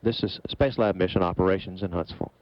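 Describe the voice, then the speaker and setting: A man giving measured, formal, explanatory commentary as a mission operations announcer. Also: low voice, fairly even intonation. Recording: dull, muffled broadcast feed.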